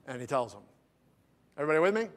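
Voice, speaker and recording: Folksy high-voiced preacher. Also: male voice, sing-song. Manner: folksy storytelling, slows down to read scripture. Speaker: pastor. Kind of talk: casual preaching sermon. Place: church sanctuary.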